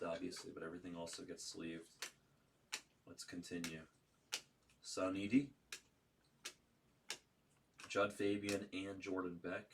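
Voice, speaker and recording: A man working as a card break host, giving casual running commentary and calling out names and serial numbers in short bursts. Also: sits low. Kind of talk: casual running commentary while opening trading cards. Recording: distant mic with faint background noise.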